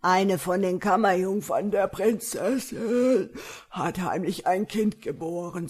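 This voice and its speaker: A woman voicing a menacing man-eating male ogre in a storybook reading, speaking slowly and heavily. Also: on the low side, darkish tone, slightly rough.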